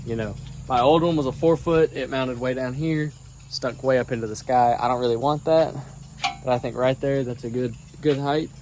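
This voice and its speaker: This medium-pitched man talks at a normal speed with a darkish tone and fairly even intonation. Beside a truck outdoors, he rambles folksily through a DIY job for a casual how-to vlog, often restarting his phrases. A handheld camera, no tripod, picks him up along with noisy crickets.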